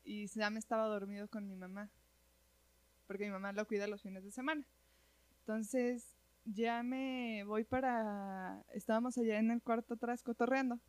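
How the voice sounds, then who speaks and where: A woman with a Mexican accent telling a personal story in casual chat, animated and slangy, peppering her talk with "güey". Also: fairly high pitch, moderate pace, smooth.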